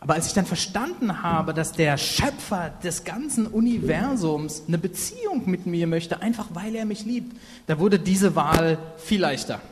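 A man interpreting a sermon live, halting and filling pauses with ums while correcting himself. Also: high voice, very animated. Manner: halting, many fillers and self-corrections. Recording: reverberant hall.

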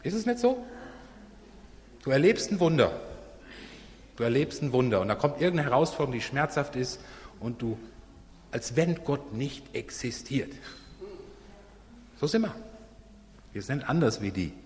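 A man's voice: medium pitch, sing-song, normal speed, pauses often, slight background noise. A man preaching a sermon, retelling a Bible story and acting out quotes in casual voices. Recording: long hall reverb.

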